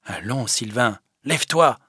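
A man's voice: medium pitch, animated, measured pace, breathy edge, no echo, studio quality, full character voice. A man reading an audiobook, voicing a stern, commanding young village girl who scolds firmly. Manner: firm, scolding, then gentle. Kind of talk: audiobook character voice.

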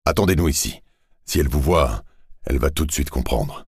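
A man's voice: extremely low pitch, fairly quick, slightly rough, no room sound, clean studio sound, full character voice. A man voicing an old retired police commissioner who frets and exclaims in dismay. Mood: firm.

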